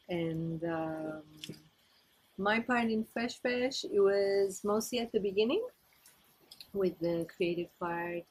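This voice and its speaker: A woman's voice: on the low side, slight background noise, low-quality recording. A middle-aged woman from Ethiopia answering interview questions in a casual, hesitant way with many fillers.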